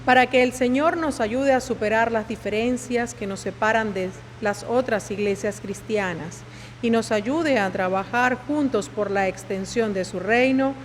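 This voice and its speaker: A woman reading the intercessions at Mass in a measured, formal way, each ending on a set refrain, in a big church with long echo. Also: fairly high pitch, a little hiss or hum. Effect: long church reverb. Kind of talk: liturgical prayer reading at Mass. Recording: long echoing reverb in a large church.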